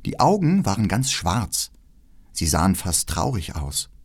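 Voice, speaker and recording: A man reading a fairy tale aloud as narrator, with expressive storytelling. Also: deep voice, a little slow, husky.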